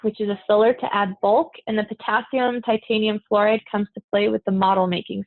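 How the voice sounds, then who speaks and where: A woman's voice: mid-range voice, no echo. Tinny-sounding woman teaching dental students. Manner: practical, direct, addresses students as "you guys". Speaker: dental assisting instructor. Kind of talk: recorded lecture. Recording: tinny phone-like, dry.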